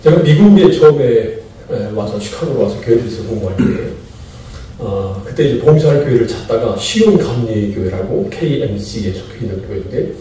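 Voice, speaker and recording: A man's voice: lowish voice, mellow, recorded from a distance, slight background noise. A middle-aged man from Chungcheong, Korea, preaching to pastors at a seminar. He repeats key phrases and asks rhetorical questions. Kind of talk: sermon-style lecture. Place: large church sanctuary. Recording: echoey church hall, mic from afar.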